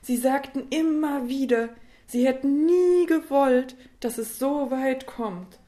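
A woman's voice: high voice, slow, dark tone, voice pushed up. A woman doing a tearful, shaky mother. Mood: tearful relief. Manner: shaky, emotional, breaking into whispers. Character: tearful, relieved mother at a hospital bed.

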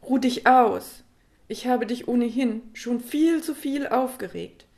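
A woman's voice: fairly high pitch, measured pace, darkish tone. A woman voicing a tearful, relieved mother at a hospital bed, speaking shakily and dropping into whispers. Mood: tearful relief. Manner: shaky, emotional, breaking into whispers.

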